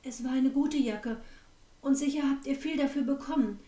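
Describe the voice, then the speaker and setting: A woman's voice: high-pitched, moderate pace, mellow, echoey room, far from the mic, voice pushed up, lightly acted. A woman voicing a poor, meek young girl in a read-aloud fairy tale, pleading with a trembling voice.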